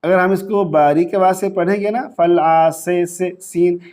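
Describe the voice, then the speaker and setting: Leading a tajweed class, this male Quran teacher rattles off the rules in Urdu with a Pakistani accent before reciting Arabic verses slowly, stretching each tone out. He has a high, steady voice with a slightly mellow quality.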